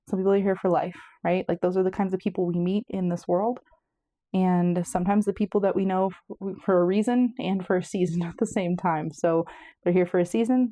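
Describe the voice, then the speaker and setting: A woman with a fairly low, dark voice, recorded dry in clean studio sound, gives a casual pick-a-card tarot reading. As a tarot reader she's chatty and wandering, correcting herself as she goes, and slightly breathless.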